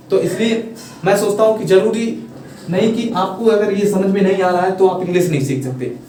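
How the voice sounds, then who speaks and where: A man's voice: sits high, a little mellow. A man teaching a basic online lesson, explaining patiently and repeating points, with frequent checks that viewers follow. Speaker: English teacher. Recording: echoey room, voice a bit far from mic, faint noise.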